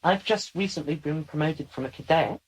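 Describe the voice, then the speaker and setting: A woman's voice: deep voice, a little fast, a little hiss or hum, close to an everyday voice, poor audio. A woman voicing an eighteen-year-old female alien cadet officer, eager and formal in a channeling session. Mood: chirpy formal. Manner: bright, chirpy, polite and formal. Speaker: channeled military spirit.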